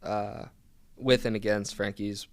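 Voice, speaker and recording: Easygoing young man, clear low voice. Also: level tone, unhurried, no echo. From Philadelphia. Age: young adult. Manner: easygoing, many "um"s and restarts. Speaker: guest, pro soccer player. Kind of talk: casual podcast chat.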